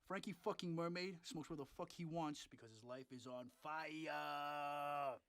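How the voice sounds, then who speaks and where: A man's voice: fairly high pitch, unhurried, fairly bright tone, clear, resonant tone, dry recording. An actor playing a crude, cocky male gangster who brags offhandedly about his crimes in a confessional. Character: sleazy foul-mouthed male gangster, cocky.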